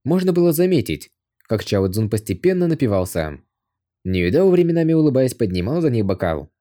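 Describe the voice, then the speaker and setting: A man reading an audiobook aloud as scripted narration, expressive, lifting his voice for shouted lines. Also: mid-range voice, brisk.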